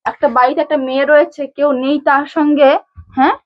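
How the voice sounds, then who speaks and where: A woman's voice: sits high, fairly even intonation, quick pace, lo-fi sound. A young woman scolding her husband in a heated domestic argument, repeating herself insistently. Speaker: vlogger's wife.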